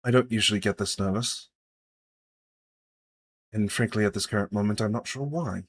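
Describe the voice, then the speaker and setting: A man's voice: lowish voice, animated, unhurried, husky. Guy doing a sweaty anxious lady scholar, stutters a lot, tabletop game. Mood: nervous. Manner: anxious, stammering, hesitant. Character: nervous sweaty masked woman, dragon scholar.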